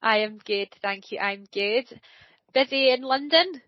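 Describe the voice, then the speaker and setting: Woman podcast host, friendly and welcoming, slightly high voice, dull dry audio. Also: unhurried, no room sound. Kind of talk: casual interview hosting.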